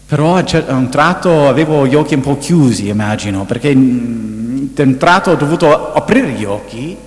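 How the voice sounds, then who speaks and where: A man's voice: medium pitch, expressive, moderate pace. Man telling a story in an echoey hall. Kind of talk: personal story in a sermon. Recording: echoey hall with long reverb.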